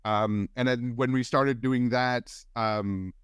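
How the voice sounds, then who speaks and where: A man in his forties from India, a guest on a podcast, telling his story in a relaxed, rambling way with many restarts. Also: mid-range voice, takes it slowly, smooth, dry recording, clean studio sound. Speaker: guest film editor. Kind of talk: casual podcast interview.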